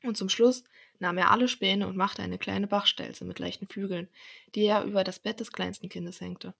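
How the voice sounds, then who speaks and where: Gravelly, husky young woman reading a story. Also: mid-range voice, moderate pace. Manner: steady narration with occasional small slips. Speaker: student storyteller.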